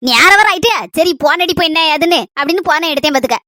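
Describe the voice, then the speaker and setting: A woman plays a fretful cartoon village mother with a Kanyakumari Tamil accent, her voice very high and piercing. She rattles off gossip and complaints at a fast clip, dry and close to the mic. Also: bright, forceful tone, no room sound. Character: scheming, fretful middle-aged village mother.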